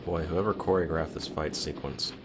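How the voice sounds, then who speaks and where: Very deep-voiced man commenting on a film. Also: steady tone, normal speed, background noise. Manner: chatty, opinionated. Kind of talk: casual movie commentary. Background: music playing loudly.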